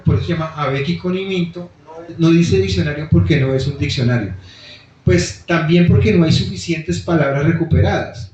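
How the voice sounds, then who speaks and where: A man's voice: fairly high pitch, a little mellow. A man giving a public talk about his book in a bookstore, explaining things directly to the audience. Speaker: author presenting his book. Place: bookstore event room. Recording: very echoey, dull lo-fi room sound.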